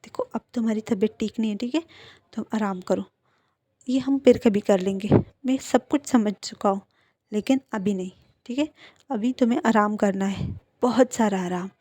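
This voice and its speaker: A woman's voice: medium pitch, moderate pace, mellow, no echo, lightly acted. A woman voicing a doting, teasing young man who coaxes his partner patiently. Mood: tender. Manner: coaxing, patient.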